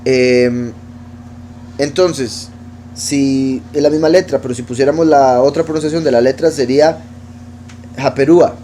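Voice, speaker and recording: Man as a Bible study teacher, mellow tone, faint noise behind him. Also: mid-range voice. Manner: explanatory, reads verses aloud and pronounces Hebrew words slowly. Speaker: teacher of scripture.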